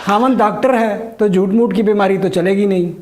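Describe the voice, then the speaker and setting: A man with a high voice does a stand-up comedy set at a moderate pace, a crowd audible behind him. He delivers his jokes dryly and the audience laughs along, all captured in a noisy recording.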